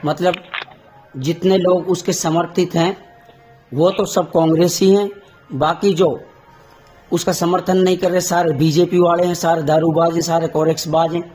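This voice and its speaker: On a recorded phone call, a man argues insistently about local politics, repeating himself for emphasis. His fairly high voice has a darkish tone and flat delivery at a moderate pace, with faint music in the background.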